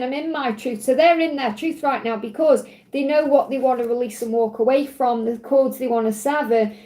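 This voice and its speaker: A woman reads tarot live for viewers in a warm, high-pitched voice that's husky and growing tired. Her manner is comforting and reassuring, with frequent check-ins of "okay?"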